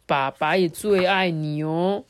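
A woman voicing a kind, patient father dinosaur who speaks calmly and soothingly. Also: fairly low pitch, slow, dry recording, clean studio sound. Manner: calm soothing.

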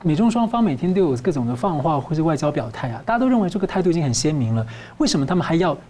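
A male host moderates a panel. He asks questions quickly, with a lively, rising and falling pitch and drawn-out particles. His voice has a warm, dark tone. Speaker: talk show host.

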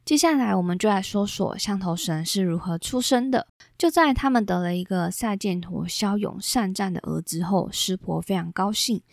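A woman hosting a podcast, steadily retelling old myths in a measured storytelling way. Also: mid-range voice, gravelly, a little mellow, no echo, clean studio sound. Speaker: podcast host.

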